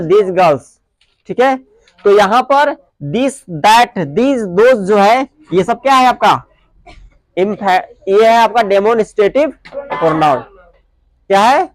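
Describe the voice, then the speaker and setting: A high-voiced male grammar teacher, recorded dry, teaches a classroom lesson in a mix of Hindi and English. He poses questions and answers them himself, dictating definitions slowly, one word at a time.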